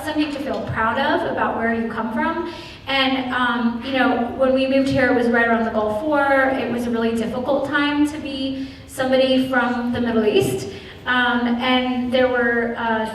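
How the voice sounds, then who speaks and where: Woman from Iraq, high voice, lecturing on curating, halting with ums, distant mic in a big echoey hall. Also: a little hiss or hum. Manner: thoughtful, frequent ums and restarts. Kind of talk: public lecture. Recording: echoey hall, recorded from far off.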